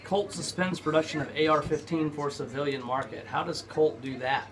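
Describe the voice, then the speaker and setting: A man's voice: a little high, steady tone, moderate pace, a bit bright. A man hosting a talk radio show, chatting casually and reading news items aloud with lots of fillers. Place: radio studio.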